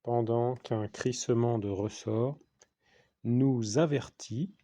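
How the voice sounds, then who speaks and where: A man's voice: mid-range voice, takes it slowly, warm tone, no room sound. A man with a French accent reading a dictation to schoolchildren, repeating each phrase and saying the punctuation aloud. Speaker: teacher giving a dictation.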